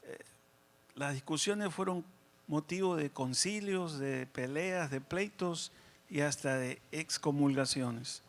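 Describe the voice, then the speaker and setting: Measured man preaching in church. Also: fairly high pitch. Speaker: priest preaching and leading prayers at Mass. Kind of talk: sermon and liturgical prayer. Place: church during Mass.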